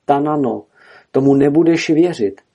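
A man voicing a frantic young man who has been turned into a bear, in a husky voice. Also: a little high, dark tone, pitched above the performer's own voice. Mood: alarmed.

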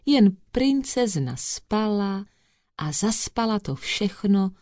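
A woman's voice: mid-range voice, very animated, a little mellow, dry recording. Woman storyteller, children's fairy tale reading, dry close sound. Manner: addresses listeners as children.

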